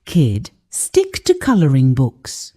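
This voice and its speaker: A woman's voice: extremely low pitch, huge pitch swings, takes it slowly, warm tone, voice pushed down, heavily acted. A curt, cold stepfather, as a woman narrator puts him on. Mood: cold, scornful. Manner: curt and dismissive. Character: stern, cold stepfather, adult man.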